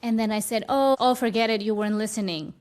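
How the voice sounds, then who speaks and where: A fast-talking woman with a slightly high, darkish voice and fairly even intonation appears as a guest in a conversational interview. A spiritual teacher who grew up speaking Spanish, she uses English thoughtfully and keeps restarting her phrases.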